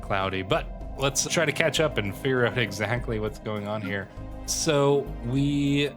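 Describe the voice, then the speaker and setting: A Canadian YouTube gaming host with a bad cold offers casual, musing commentary on a strategy game roleplay video. His mid-range voice moves at a measured pace. Loud music plays underneath him.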